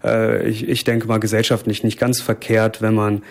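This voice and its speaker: A man from Germany, a father guesting on a talk show, speaking in a thoughtful, measured way with fillers. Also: fairly low pitch, little pitch movement, gravelly. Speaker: guest, parent. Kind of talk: casual chat.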